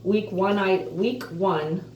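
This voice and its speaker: A woman with missing front teeth and softly slurred F sounds gives a casual, halting, chatty update as an earnest vlogger. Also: medium pitch, dull audio. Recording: roomy echo, distant mic, faint noise.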